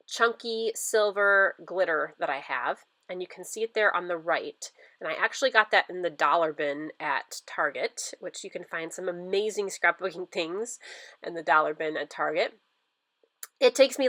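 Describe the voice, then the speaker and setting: Middle-aged woman, stuffy from a cold, chatty rambling craft voice-over, bright dry sound. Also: medium pitch, no echo. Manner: chatty, rambling, lots of fillers. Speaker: scrapbooking vlogger. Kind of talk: casual voice-over narration of a craft process.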